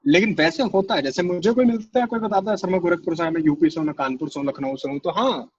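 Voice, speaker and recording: A man's voice: high-pitched, quick pace, slightly rough, no room sound, dull audio. A man, a guest in a casual interview, telling stories animatedly, acting out quotes and cracking crude jokes. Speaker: assistant director guest. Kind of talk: casual conversation.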